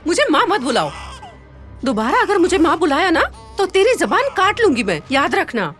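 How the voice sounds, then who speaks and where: A harsh cartoon stepmother scolds with a high, shrill voice. Her pitch leaps up and down as she speaks, and faint music sits behind her. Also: very animated, moderate pace, fairly bright tone, exaggerated voice. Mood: furious. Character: cruel harsh stepmother, doting on her son.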